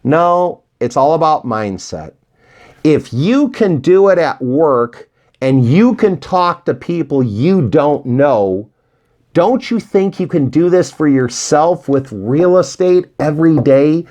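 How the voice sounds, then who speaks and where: In a slightly high voice and at a slow pace, a real estate investing coach gives beginners a motivational tutorial. He stays folksy and encouraging, animated and emphatic, asking rhetorical questions and playing out small imagined exchanges.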